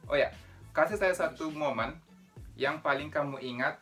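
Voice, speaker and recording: A man's voice: on the high side, normal speed, a bit bright, soft background music. A man around thirty from Indonesia, hosting his casual vlog and reminiscing with an old school friend in an upbeat way. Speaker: vlog host. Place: indoors, on the road.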